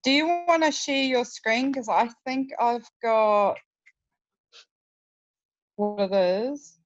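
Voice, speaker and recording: Woman on a dull video call. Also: fairly high pitch. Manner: brisk, explaining step by step. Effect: heard over a video call. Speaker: project lead in a work meeting. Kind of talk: casual work meeting.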